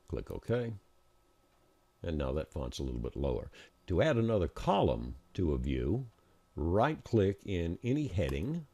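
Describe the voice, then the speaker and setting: In this informal screencast narration, a man with a mellow, deep voice guides listeners step by step through software, his intonation shifting a lot as he describes every click practically. No room sound is audible.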